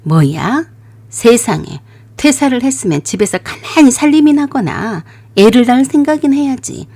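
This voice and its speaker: A woman's voice: on the high side, lively intonation, normal speed. A woman voicing a stern scolding older mother-in-law. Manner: scolding, sharp rebukes. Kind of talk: radio drama acting.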